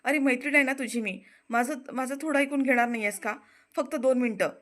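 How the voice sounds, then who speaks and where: A woman's voice: high-pitched, a little fast, a bit bright. A woman voicing a remorseful young woman who pleads earnestly. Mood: pleading.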